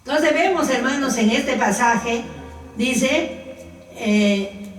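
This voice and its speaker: A woman leading a Bible study who directs the group to verses and asks her listeners questions. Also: high-pitched. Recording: roomy room, distant mic.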